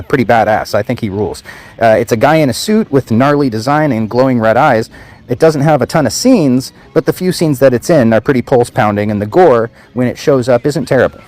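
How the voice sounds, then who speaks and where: A man's voice: mid-range voice, a little mellow. A man hosting a film podcast, reading a scripted movie review in a wry, sarcastic way with casual fillers.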